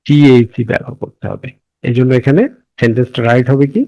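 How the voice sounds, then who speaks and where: A man with a Bangladeshi accent teaching a grammar lesson. He asks questions and answers them himself, spells words letter by letter, and slows down to dictate English phrases word by word. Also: medium pitch, steady tone, mellow, no echo, muffled recording.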